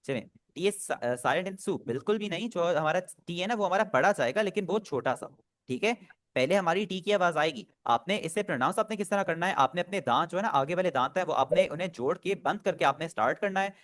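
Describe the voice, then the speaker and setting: Over a video call, a male online tutor teaches a Japanese class, patiently drilling pronunciation and repeating "ठीक है". His high, fairly bright voice has lively intonation and moves a little fast with few pauses. The audio is dry and close, without echo.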